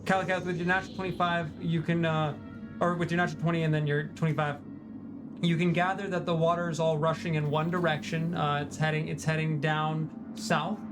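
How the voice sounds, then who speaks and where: A man's voice: on the high side, level tone, a little fast, music in the background. Man narrating as game master. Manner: descriptive, with frequent restarts and fillers.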